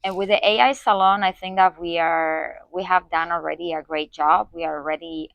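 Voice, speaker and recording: A woman with a low voice speaks as an interview guest. She talks haltingly and stops often for fillers and restarts. The sound is dry and close. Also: fairly even intonation, creaky, no echo, muffled recording. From Spain. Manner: hesitant, many fillers and restarts. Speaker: guest, community organizer. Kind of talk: conversational interview.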